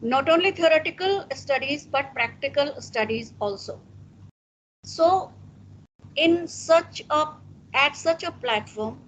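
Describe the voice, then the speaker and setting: A woman slowly reading out an introduction to astrology courses in an online class over a video call, with measured pauses. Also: high voice, expressive, a bit bright, lo-fi sound, a little hiss or hum. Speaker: student presenter at an astrology class.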